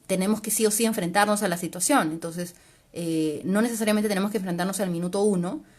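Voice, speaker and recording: A woman's voice: mid-range voice, fast, a little mellow. A woman psychologist, giving an informal live-stream talk. She explains patiently and often closes phrases with a questioning tag. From Peru. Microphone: livestream mic.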